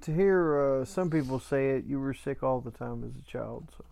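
A man's voice: mid-range voice, moderate pace, vocal fry, mellow. A man co-hosting a podcast with folksy, colloquial phrasing, trading casual banter and telling stories. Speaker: podcast co-host.

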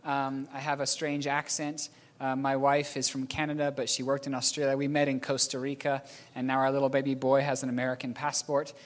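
The recording carries a long hall reverb as a man from New Zealand preaches a story-driven sermon at a fairly quick clip. His medium-pitched voice stays monotone while he rambles, corrects himself, and chuckles over his mistakes.

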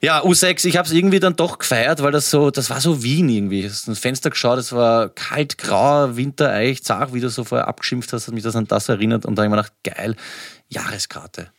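A young man with a Viennese German accent chats casually, spinning everyday anecdotes with crude words and quick asides. His voice sits in a middle range. The sound is close and dry. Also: medium pitch, dry recording. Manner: storytelling, swearing, animated retelling. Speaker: podcast co-host. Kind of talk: casual chat.

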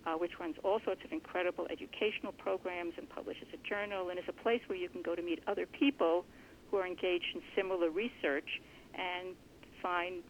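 A woman with a gravelly, creaky voice talks earnestly through her answers in an interview. She is thoughtful and restarts a phrase now and then as she explains. The recording is muffled and lo-fi, with a faint hiss behind her. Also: on the low side, fairly even intonation, fairly quick. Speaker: genealogist guest.

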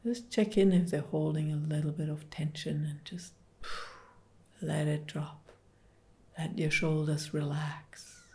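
A woman leading a guided relaxation meditation, speaking softly and partly in whispers. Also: deep voice. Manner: soft, slow, soothing, partly whispered.

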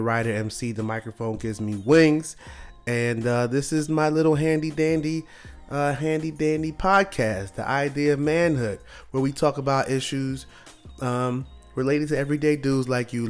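Male American podcast host, mid-pitched, casual bro talk with hip-hop slang, music underneath. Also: fairly even intonation, moderate pace. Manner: laid-back, slangy, bro-like delivery peppered with "yo" and "you know what I'm saying".

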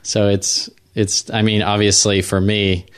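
A man co-hosting a podcast, chatty and quick to laugh, asking casual questions. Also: on the low side, little pitch movement, clean tone. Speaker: podcast co-host. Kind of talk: casual interview chat.

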